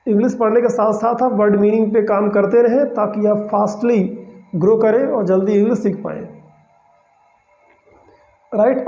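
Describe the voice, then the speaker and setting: In a roomy, slightly dull lo-fi recording, a teacher with a gravelly, dark, mid-range voice teaches pronunciation in Hindi. The lesson breaks words into separate sounds, repeats them, and regularly checks in with the class.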